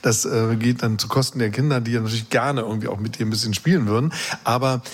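A man's voice: medium pitch, steady tone, quick pace. A man interviewing an author, chatty and often seeking agreement with tag questions. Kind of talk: arts interview.

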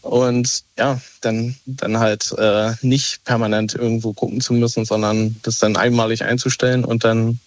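A man's voice: medium pitch, level tone, moderate pace, hardly any pauses, no echo. A man from Berlin in his thirties, calling in to a radio show and explaining himself hesitantly, full of fillers and restarts. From Berlin, Germany. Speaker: caller. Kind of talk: casual phone-in chat. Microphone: telephone. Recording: dull lo-fi phone line.

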